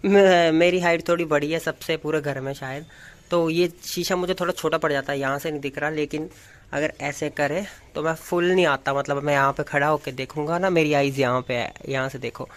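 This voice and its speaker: A man's voice: on the high side, steady tone, a little fast, poor audio. Chatty young man from Punjab. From Punjab, India. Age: young adult. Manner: chatty, rambling, playful. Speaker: vlogger and dance content creator. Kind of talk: casual daily vlog.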